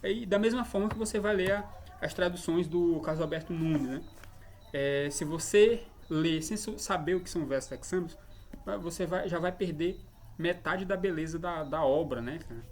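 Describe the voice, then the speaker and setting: A man's voice: on the high side, moderate pace, darkish tone. Hesitant Brazilian man explaining verse. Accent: Brazilian Portuguese. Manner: hesitant, explanatory, constant tag questions. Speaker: book commentator. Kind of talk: improvised book commentary.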